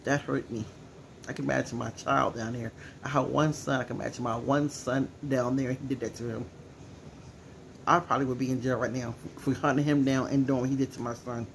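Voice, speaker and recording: A man's voice: medium pitch, steady tone, brisk, creaky, a little hiss or hum. A teary-eyed man speaking earnestly at home in a casual personal vlog, repeating himself as he talks. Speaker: vlogger.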